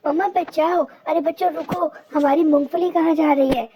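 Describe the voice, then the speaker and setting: A woman voicing small, frightened baby sparrows in a cartoon story, with a squeaky, whiny way of talking. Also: steady tone, moderate pace, warm tone, a little hiss or hum, lightly acted. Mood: scared.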